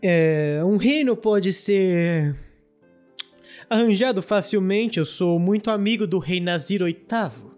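A man voicing a self-important male lord who speaks in a slow, formal, grandiose way. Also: sits high, animated, a little mellow, faint music behind. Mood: pompous.

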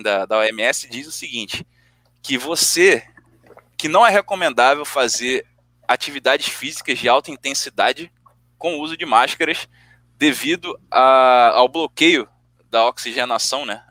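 A young man telling a story in casual chat, swearing often and acting out the arguments with animated quoted dialogue. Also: medium pitch, dry recording. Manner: animated, profane storytelling, acts out both sides of arguments.

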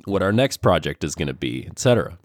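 A young man with a very deep voice, stuffy and nasal from a cold, co-hosts a laid-back podcast. He speaks haltingly with frequent ums, his pitch swinging widely. The sound is dry and close. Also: big pitch swings, no echo. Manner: hesitant, lots of ums and pauses. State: congested from a cold. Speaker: podcast co-host. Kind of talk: casual podcast chat.

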